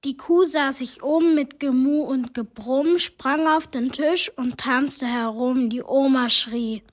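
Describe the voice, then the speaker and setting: Female narrator, high and unhurried, lively rhyming read. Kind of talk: rhyming story reading.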